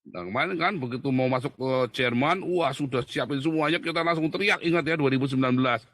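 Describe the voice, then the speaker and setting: A man giving an animated, mocking livestream monologue, often calling his listeners brothers. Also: medium pitch, fast talker, no echo, studio quality. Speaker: livestream commentator.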